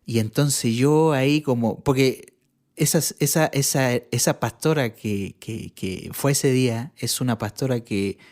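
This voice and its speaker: A man's voice: medium pitch, unhurried, darkish tone. Earnest man telling his story. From Chile. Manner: earnest, reflective storytelling with frequent restarts. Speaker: podcast guest. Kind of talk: personal testimony in casual conversation.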